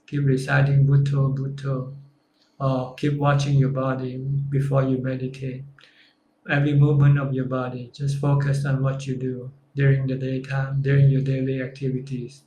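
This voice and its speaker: Male Buddhist teacher, even and unvarying tone, live Q&A answers, roomy echo. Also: medium pitch, moderate pace, dull audio. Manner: calm, simple, plain-spoken answers. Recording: echoey room.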